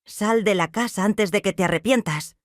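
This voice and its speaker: A man's voice: sits high, moderate pace, fairly bright tone, dry recording. Narrator doing a cold stepfather, curt commands, dry close sound.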